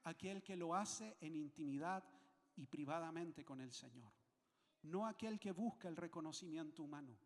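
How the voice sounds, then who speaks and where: High-voiced Chilean pastor preaching. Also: male voice, normal speed, in a large hall. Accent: Chilean Spanish. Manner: emphatic, repeats phrases for weight, asks the congregation questions. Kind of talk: sermon.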